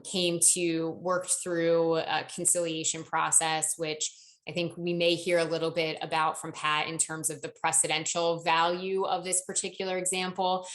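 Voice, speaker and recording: Female compliance trainer for a corporate webinar. Lower register, conversational delivery, walks listeners through examples. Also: fairly bright tone.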